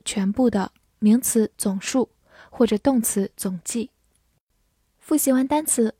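A woman narrating a scripted vocabulary lesson, saying each English word twice and then defining it slowly. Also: fairly high pitch, mellow, husky, no echo, clean studio sound.

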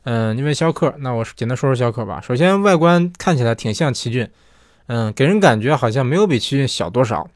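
A man's voice: medium pitch, animated, a little fast, no room sound, clean studio sound. A male host casually explaining things to listeners. He often rephrases himself and checks for agreement as he talks. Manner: chatty, rephrases often, asks "对不对" for agreement. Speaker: host answering listener questions.

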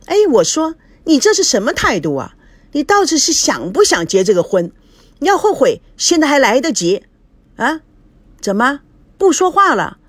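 A woman voicing a quarrelsome young bride in an audiobook, scolding in a high, shrill voice. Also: very animated, normal speed, dry recording. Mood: angry.

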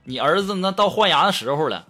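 Man, joke-show host, very expressive pitch, music bed. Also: fast talker. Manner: lively storyteller, acts out quoted lines. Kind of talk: comedic joke-reading radio show.

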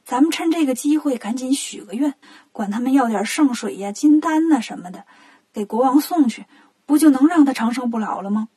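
A woman's voice: high voice, animated, brisk, dark tone, husky. A woman voicing a scheming old male Taoist priest in a children's storybook, eager and persuasive.

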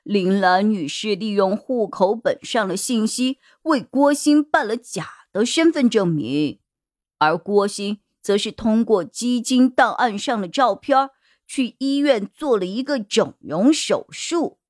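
A woman narrating a detective novel in an expressive storytelling manner. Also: mid-range voice, unhurried, dry recording, studio quality. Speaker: audiobook narrator.

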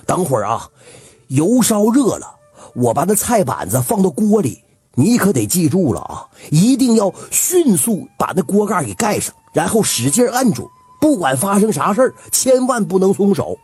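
A man's voice: sits high, big pitch swings, moderate pace, darkish tone, breathy edge, faint music behind, heavily acted. A man voicing a matter-of-fact village carpenter giving folksy advice in a folk tale. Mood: instructing. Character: knowing village carpenter, middle-aged man.

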